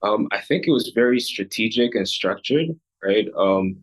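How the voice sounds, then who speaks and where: A man's voice: fairly low pitch, moderate pace, rough recording. A young man from Rwanda, a recent graduate speaking as a podcast guest, thoughtful and full of fillers and restarts. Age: young adult. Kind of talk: podcast interview.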